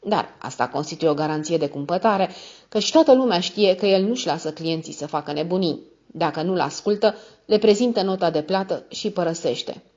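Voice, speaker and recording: A honeyed, scheming older lady, read by a woman narrator, sweet on the surface and mocking underneath. The voice sits low, and the recording is dull and lo-fi. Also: a little mellow, close to an everyday voice. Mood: sweetly teasing.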